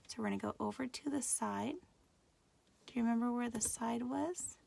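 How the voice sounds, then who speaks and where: A woman's voice: a little high, normal speed, creaky, darkish tone. A middle-aged woman teaching a live craft tutorial, patient and often checking that viewers can follow.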